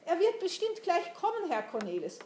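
A woman's voice: very high-pitched, wildly swooping pitch, normal speed, darkish tone, a little hiss or hum, pitched above the performer's own voice, full character voice. A woman voicing an eager, anxious teenage boy who pleads earnestly in a storybook reading. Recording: roomy echo.

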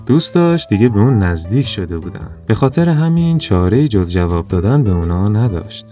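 Man, storybook narration, calm even delivery, low voice, warm dark tone. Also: soft background music.

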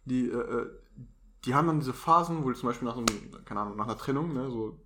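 A man's voice: mid-range voice, fast talker, bright, forceful tone. A young man from a Turkish family background chats on a podcast in loose street slang. He jokes constantly and laughs a lot. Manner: slangy, joking, laughs often. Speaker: podcast co-host. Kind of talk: casual chat.

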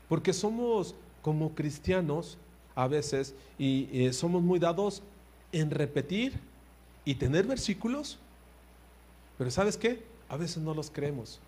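Husky preacher. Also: male voice, fairly high pitch, slow pace. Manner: animated, swings between loud emphasis and quiet asides; addresses listeners with direct questions. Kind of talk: sermon.

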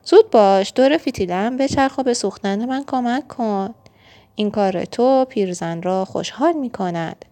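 A woman's voice: mid-range voice, mellow, close to an everyday voice. A woman voicing a candle character in a storybook who pleads urgently for help. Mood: eager. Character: candle, weepy, then eager and pleading. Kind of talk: storybook reading.

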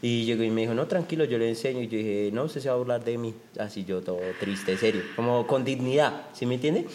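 A man's voice: mid-range voice, fast talker, darkish tone. Young man, Colombian accent, crude joking storyteller, slangy, faint hiss. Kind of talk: casual chat.

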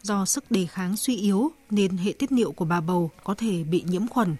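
A woman's voice: medium pitch, moderate pace, a little mellow, slightly rough. A woman presenter reading a formal scripted health report in news narration style.

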